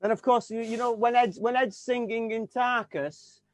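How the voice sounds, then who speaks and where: A man's voice: very high-pitched, fairly even intonation, moderate pace, no room sound. A man from the UK, a keyboard player in a tribute band, chatting casually in an interview and stumbling through many restarts and fillers.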